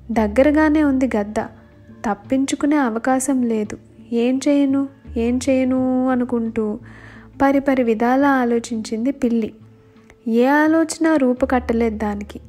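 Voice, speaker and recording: A woman narrating a children's bedtime story in a measured, expressive way. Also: fairly high pitch. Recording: faint background music.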